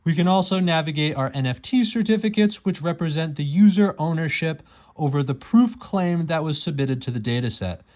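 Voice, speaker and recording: Male demo presenter, slightly high voice, matter-of-fact, walking users through software one step at a time. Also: animated, fairly quick. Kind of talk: narrated software demo walkthrough.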